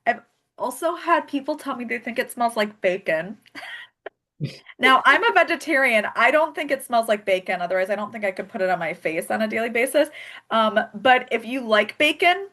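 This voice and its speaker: Her voice is a little high, bright and forceful, animated at a moderate pace. Hosting a live skincare demonstration as a skincare consultant, she keeps things chatty and full of jokes, often laughing while she covers each step.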